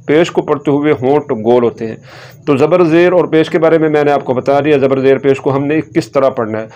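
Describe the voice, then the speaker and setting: Man, Quran reading teacher, patient repetition, slightly high voice, dull lo-fi sound. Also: a little mellow. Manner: patient, repeats sounds slowly and contrasts right and wrong. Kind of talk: slow step-by-step lesson.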